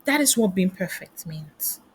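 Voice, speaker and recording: A career coach and trainer, this woman has a lowish, slightly rough voice. She speaks expressively and at a measured pace while firing off rhetorical questions in a motivational teaching talk.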